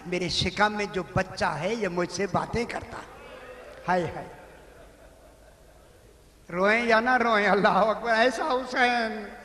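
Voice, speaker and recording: A man giving a mourning sermon as a religious orator, lamenting with drawn-out cries of grief. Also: sits high, pushed and bright, slight background noise. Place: large hall at a mourning gathering. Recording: echoey hall with long reverb.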